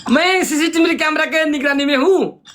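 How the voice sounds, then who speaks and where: A man's voice: very high-pitched, normal speed, a bit bright, slight background noise. A man streaming live, teasing and taunting playfully in casual banter.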